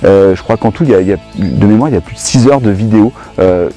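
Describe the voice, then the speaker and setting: A man's voice: fairly low pitch, fast talker, mellow, faint music behind. A man hosting a golf lesson, talking in a casual, hesitant, explanatory way. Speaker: golf course host. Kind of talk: casual instructional chat.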